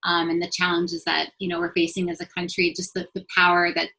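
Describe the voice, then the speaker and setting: A woman's voice: on the low side, monotone, brisk, rough recording. A young adult woman from Los Angeles, a writer and producer, speaking thoughtfully and earnestly in an interview. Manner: thoughtful, earnest, fluent with soft fillers. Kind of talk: casual interview answers.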